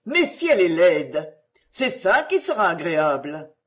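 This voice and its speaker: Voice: medium pitch, big pitch swings, unhurried. A storyteller voicing a curious, impatient caliph who speaks in a commanding way.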